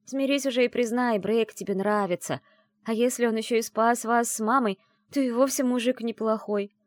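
A woman reading an audiobook and voicing a brash, teasing young woman who is the heroine's best friend, talking in a loud, mocking, bossy way. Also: fairly high pitch, normal speed, no room sound, studio quality, pitched above the performer's own voice, natural voice.

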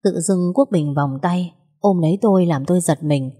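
A woman narrating a first-person story in an even, plain reading voice. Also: lowish voice, normal speed, slightly rough.

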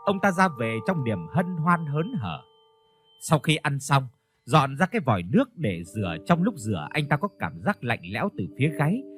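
A man reading a ghost story aloud, his pitch rising and falling in a lively way. Faint instrumental music runs quietly under his narration. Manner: storytelling, voices the characters.

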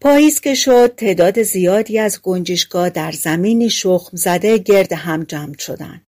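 A woman narrating a fairy tale audiobook in a calm, even storytelling voice. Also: fairly low pitch.

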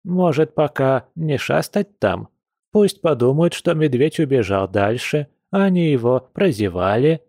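A man's voice: medium pitch, lively intonation, a little mellow, no room sound, studio quality. A man voicing a grumbling, crafty old village grandmother in an audiobook, drawing out her words in a folksy, wheedling way. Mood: anxious, hushed. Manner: folksy, wheedling, drawn-out speech. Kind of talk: audiobook character voice.

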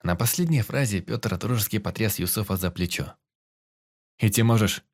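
A man giving steady scripted narration of an adventure audiobook. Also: on the low side, brisk, husky.

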